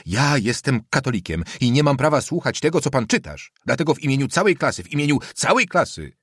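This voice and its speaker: A man voicing a defiant teenage schoolboy whose hoarse bass keeps breaking into falsetto, agitated and trembling. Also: sing-song, a little fast, no room sound, clean studio sound. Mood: indignant. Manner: agitated, shaking, brazen.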